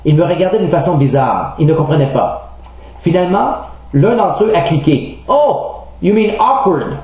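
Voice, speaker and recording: A man with a Québécois French accent, a native French speaker teaching English pronunciation in a scripted lesson, speaking slowly and carefully. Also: fairly high pitch, lively intonation, mellow. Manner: slow, careful, enunciating word examples. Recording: very echoey room, faint hum.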